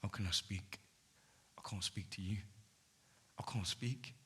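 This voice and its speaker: An actor playing an ardent male poet on stage, pouring out love in hushed, intimate tones that swell to fervor. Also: low-pitched, unhurried, slight background noise. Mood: fervent. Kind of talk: staged theatre performance.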